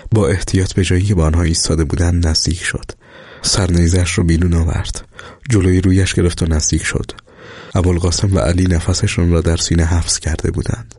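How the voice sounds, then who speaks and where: A man reading a story aloud in a measured, steady way as narrator. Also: low-pitched, husky, no echo, clean studio sound. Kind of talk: scripted audiobook narration.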